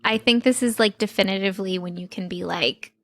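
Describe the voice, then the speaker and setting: A woman's voice: medium pitch, brisk, no room sound. A young woman co-hosting a podcast, chatty and enthusiastic, with frequent ums and likes. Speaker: podcast co-host. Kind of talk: casual chat.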